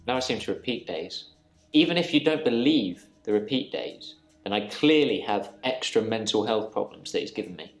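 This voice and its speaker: An actor in a live-action mystery game playing a troubled male patient who calmly recounts reliving the same day. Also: fairly low pitch, moderate pace. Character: troubled male patient haunted by repeating days. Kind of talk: scripted game dialogue. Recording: roomy with game music.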